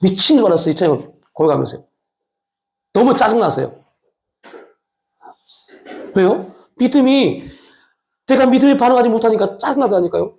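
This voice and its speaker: A male pastor delivering a sermon with steady emphasis. He keeps asking his listeners rhetorical questions and answering them himself. His speech is frank and colloquial, with casual asides set among earnest exhortations. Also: sits high, moderate pace, creaky, long pauses.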